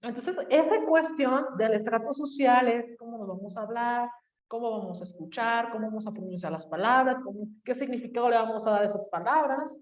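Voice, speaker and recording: Mexican woman teacher, Jalisco accent, higher voice, chatty lecture, distant mic, echoey lo-fi room. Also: brisk. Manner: chatty, addresses students directly with tag questions. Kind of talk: classroom lecture.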